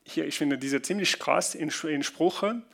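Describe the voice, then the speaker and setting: Guy preaching, kinda gravelly, a bit high, stops and restarts a lot. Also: fairly bright tone. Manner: halting non-native German with restarts, reads Bible passages slowly. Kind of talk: sermon.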